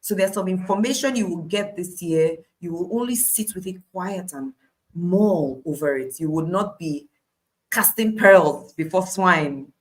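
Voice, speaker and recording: A woman with a Nigerian accent and a slightly low voice leads a devotional Bible study. She speaks in firm declarations and repeats key phrases for emphasis. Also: unhurried, rough recording. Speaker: preacher, Bible study host.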